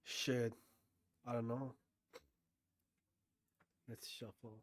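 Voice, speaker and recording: Man streamer, thinking aloud, swearing, unhurried, dry close sound. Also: mid-range voice, little pitch movement, no room sound. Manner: thinks aloud, swears often, bursts of disbelief. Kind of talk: casual game commentary.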